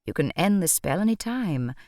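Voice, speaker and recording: A woman reading a first-person audiobook in a wry, brisk manner. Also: lowish voice, big pitch swings, a little mellow, no room sound, clean studio sound. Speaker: audiobook narrator.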